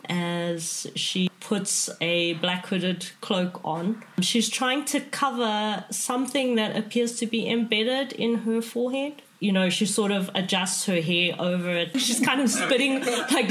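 A woman's voice: medium pitch, poor audio. A woman playing a tabletop game, casually describing her character and what it does.

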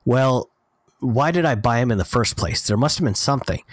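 Podcast co-host, male, mid-range voice, earnest and animated, acts out quotes, dry close sound. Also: mid-range voice, brisk, no echo. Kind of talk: casual chat.

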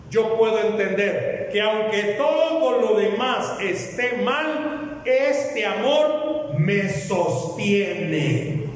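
A man preaching a sermon as pastor, animated and joking with the congregation. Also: high-pitched. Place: church hall. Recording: echoey hall, long reverb.

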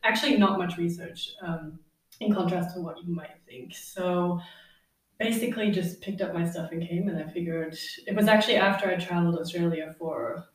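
A woman in her thirties from Germany, chatting casually as an interview guest, relaxed with lots of fillers and laughs. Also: on the low side, normal speed, recorded from a distance. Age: 30s. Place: apartment overlooking the sea. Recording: echoey room, off-mic.

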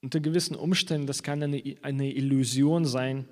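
A man preaching a sermon in an earnest way, slowing down when he quotes scripture. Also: mid-range voice, steady tone, in a large hall.

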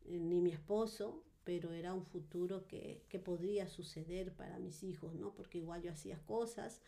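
Gravelly low-voiced woman telling a testimony. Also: steady tone, normal speed, dark tone. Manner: hesitant, many fillers and tag questions. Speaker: guest giving a testimony. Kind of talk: personal testimony in conversation.

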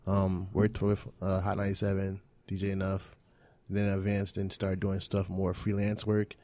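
A man's voice: low voice, completely flat delivery, moderate pace, mellow, dry recording. A man hosting a talk show in casual, conversational chat. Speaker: host of a wrestling talk show.

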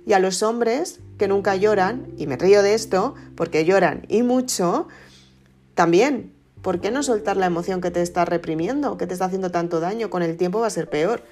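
A woman giving a casual, gentle self-help talk, often checking in with the listener. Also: medium pitch, moderate pace. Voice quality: soft, conversational, asks "¿no?" often. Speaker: emotional wellbeing speaker. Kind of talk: casual motivational talk to camera. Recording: soft guitar music underneath.

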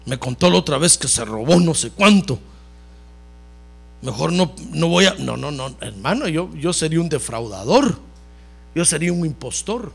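A male pastor preaches with a high voice that swings widely up and down. He talks straight to the congregation and keeps calling his listeners brother. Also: moderate pace, gravelly, breathy edge. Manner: animated preaching that repeatedly addresses listeners as brother. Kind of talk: sermon.

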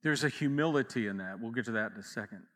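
A man's voice: mid-range voice, fast, a bit bright, long reverb tail. A man preaching a sermon as pastor, in a conversational way with asides and acted quotes.

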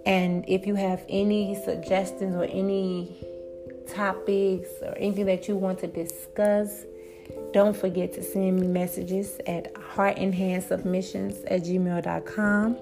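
Slow gravelly woman with soft music. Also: medium pitch, level tone. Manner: slow, earnest, repeats affirmations with growing emphasis. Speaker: podcast host. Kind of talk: spiritual encouragement talk with affirmations. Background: background instrumental music.

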